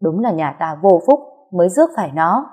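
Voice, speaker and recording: A stingy, sharp-tongued older mother-in-law, barking blunt scoldings, as a woman storyteller puts her on. The voice sits low and mellow in a spoken ghost-story reading. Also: very animated, fairly quick, breathy edge. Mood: contemptuous.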